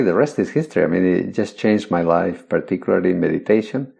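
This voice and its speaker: This older man speaks English, his voice sitting very low with a gravelly edge. He talks in a reflective, thoughtful way as a podcast guest over a video call. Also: mellow. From Spain. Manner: reflective, thoughtful, laughs lightly. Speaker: guest, meditation teacher.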